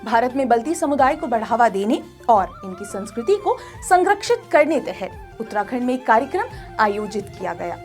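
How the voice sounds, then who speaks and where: A woman narrating a news feature in a formal, scripted reading voice. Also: high-pitched. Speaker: news presenter.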